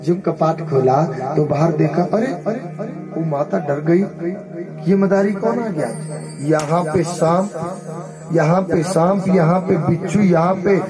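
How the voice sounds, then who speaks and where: A male religious storyteller recounts a devotional tale with dramatic, animated delivery. His voice sits high for a man. Musical instruments play loudly throughout the recording. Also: measured pace. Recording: music loud in the mix.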